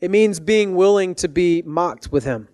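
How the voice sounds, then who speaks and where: A man preaching a sermon as a pastor, speaking earnestly and emphatically, with deliberate phrasing and direct appeals to his listeners. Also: high voice, animated, darkish tone, no room sound, clean studio sound.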